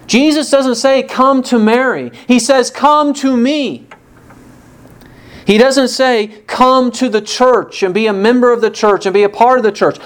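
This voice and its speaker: A man's voice: high-pitched, clear, resonant tone. A man preaching a sermon with earnest emphasis, from the United States, lifting his voice on the quoted words. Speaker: pastor.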